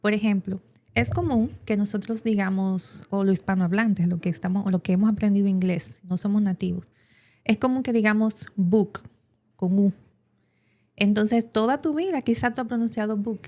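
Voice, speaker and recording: A woman's voice: medium pitch, fairly even intonation, normal speed, a little mellow. A woman with a Dominican Spanish accent, an English teacher explaining in an educational podcast with plenty of examples and fillers.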